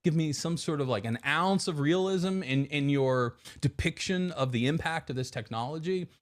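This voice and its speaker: A man's voice: a little high, normal speed. A man in his forties, a technology executive guest on a podcast, talking casually with many repeated words and restarts. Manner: many repeated words and restarts, quotes hype voices mockingly. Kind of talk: casual interview answers.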